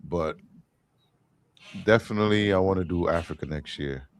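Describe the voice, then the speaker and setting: A man's voice: low voice, moderate pace. A man co-hosting a casual panel chat, laid-back and reflective. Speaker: co-host of a panel show.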